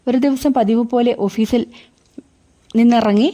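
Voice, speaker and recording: A woman narrating a novel as an audiobook, telling the story in a steady, even way. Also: fairly high pitch, measured pace.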